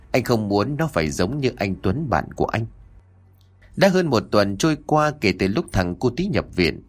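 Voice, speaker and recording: A man narrating an audio story with expressive, dramatic emphasis. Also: on the low side.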